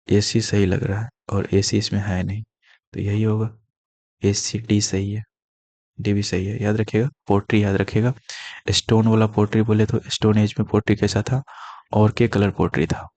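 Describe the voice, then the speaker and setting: Male tutor, low flat hush, repeats for memory, dry close sound. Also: no room sound. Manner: speaking softly to avoid coughing; repeats key terms and mnemonics. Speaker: teacher. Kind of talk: exam-prep lecture.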